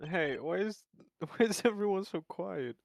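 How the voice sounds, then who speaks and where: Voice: medium pitch, expressive, measured pace, creaky, faint music behind. A streamer in casual banter, joking and cheering along.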